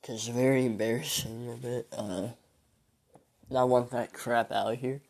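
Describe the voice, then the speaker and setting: A young man in his late teens rambling through a solo podcast, hesitant and full of ums, sounding weary and low, recorded on a phone. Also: steady tone, moderate pace, vocal fry, a little mellow. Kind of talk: rambling casual monologue.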